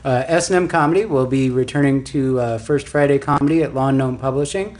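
A man's voice: medium pitch, fairly quick, darkish tone, slight background noise. A man, a comedian guest, joking around and giggling in a casual podcast chat.

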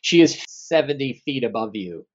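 A male game master narrates a tabletop fantasy game with dramatic phrasing. His voice sits at a medium pitch, and the recording is dull and lo-fi. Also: expressive, normal speed, husky.

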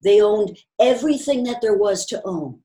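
A man's voice: sits high, lively intonation, moderate pace, dark tone. A woman reading a tentative, earnest young man. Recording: roomy echo.

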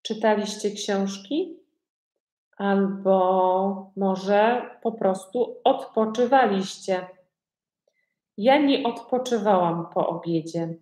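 Woman teacher, very slow deliberate speech, repeats easy questions, echoey room. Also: medium pitch, darkish tone. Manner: asks learners many simple repeated questions. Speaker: Polish language teacher. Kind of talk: slow repetitive language lesson.

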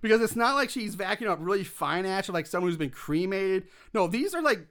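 Man, movie recap podcast, casual chatter, high voice, bright tone. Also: expressive, brisk. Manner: chatty, laughs often, swears casually, many fillers.

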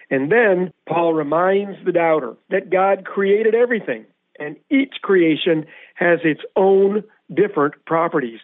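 A man's voice: sits high, no echo. Methodical male radio Bible teacher, tinny. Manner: methodical, explanatory, poses questions to co-host. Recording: tinny, phone-like radio audio.

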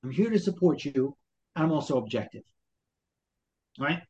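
Male life coach, Brooklyn accent, fairly high pitch, motivational and full of rhetorical questions, lo-fi interview sound. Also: lively intonation, normal speed, darkish tone, a little hiss or hum. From Brooklyn, New York. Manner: motivational, talks in rhetorical questions and acted-out self-talk. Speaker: life coach, podcast guest. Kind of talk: conversational interview explanation.

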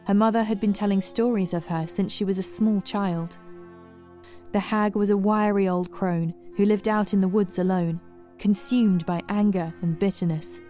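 Woman narrating a dark fairy tale. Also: medium pitch. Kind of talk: scripted storybook narration. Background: faint music.

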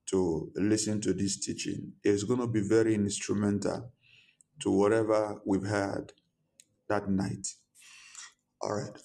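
A man, speaking as a pastor in prayer and preaching, deliberate and given to fervent repetition. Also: on the low side, mellow. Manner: fervent, repetitive praying and declaring. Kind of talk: prayer and sermon.

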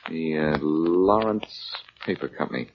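A man's voice: very deep voice, a little slow. An actor playing a wisecracking male private detective in a 1940s radio drama, with dry, teasing banter, heard as an old radio broadcast. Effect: old radio broadcast sound. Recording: dull lo-fi 1940s radio recording with faint hiss.

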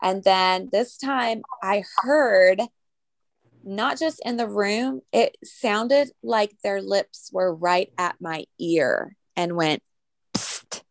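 A young adult woman co-hosts a podcast, telling stories in a chatty, casual way full of fillers and laughter. Her medium-pitched voice is creaky and lively in intonation, she speaks slowly, and there's no room sound.

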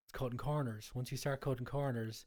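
A man's voice: medium pitch, steady tone, fairly quick, darkish tone. An Irish man with a Cork accent and a stuffy nose from a cold, explaining things in casual conversation, often repeating his points. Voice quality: congested, stuffy-nosed from a cold. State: has a cold. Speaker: cook and cookery class instructor, guest.

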